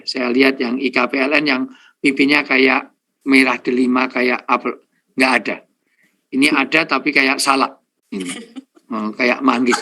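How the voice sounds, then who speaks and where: Gravelly bright-voiced joking male preacher. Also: mid-range voice. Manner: jokey, addresses the audience directly, counts off points. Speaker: Islamic preacher. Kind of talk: humorous sermon to a live audience.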